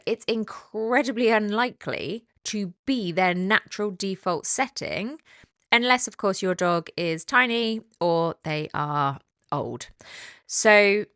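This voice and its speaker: A woman's voice: lowish voice, fairly bright tone, no echo, studio quality. A British woman in her forties hosting a solo podcast on dog behaviour, talking in a chatty, playful and emphatic way.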